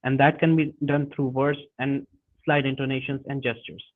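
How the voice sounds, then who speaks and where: A man presenting a webinar lesson, talking haltingly with frequent restarts and self-corrections. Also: medium pitch, little pitch movement. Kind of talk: lecture on workplace communication. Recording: tinny phone-like webinar audio.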